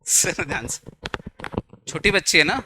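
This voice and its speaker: A man's voice: on the high side, expressive, a little slow, bright, forceful tone, slight background noise. A young man teaching a law class, chatty and teasing, quizzing his students with jokes.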